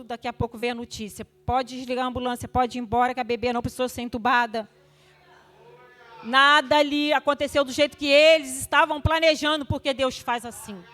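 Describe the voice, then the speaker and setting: Speaking at a church service, an older woman with a slightly high voice delivers an emotional testimony. She is fervent, shifting from loud exhortation to hushed tones.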